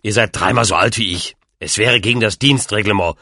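A man's voice: lowish voice, fairly quick, bright, forceful tone, no echo, studio quality. A man voicing a young knight who speaks firmly and reasonably. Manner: firm, level and reasonable. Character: young male knight, calm and earnest.

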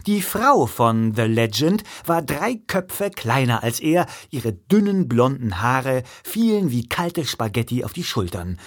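A man narrating a comic audiobook in a wry, expressive storytelling manner. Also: medium pitch, a little slow, hardly any pauses.

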